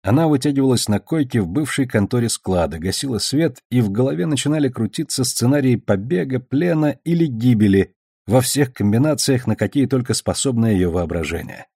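A man narrating a novel as an audiobook reader, in an even, measured way. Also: medium pitch, breathy edge, dry recording, clean studio sound.

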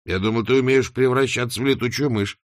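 A man reading an audiobook, voicing a very old dead male wizard who speaks calmly and matter-of-factly. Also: medium pitch, fast, dry recording, clean studio sound, pitched above the performer's own voice, lightly acted. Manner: calm, matter-of-fact, gently ironic.

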